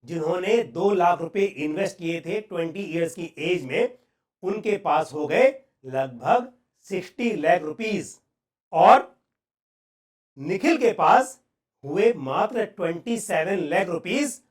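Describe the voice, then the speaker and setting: High-voiced Indian male finance explainer. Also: lively intonation, measured pace. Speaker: personal finance presenter. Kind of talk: explanatory lesson to viewers.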